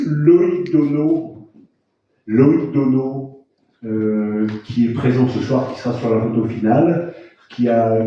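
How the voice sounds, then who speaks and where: A man hosts a live awards ceremony, stumbling a little over words while he plays up the suspense. He sounds distant in a very echoey room, and the sound is slightly muffled. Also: mid-range voice.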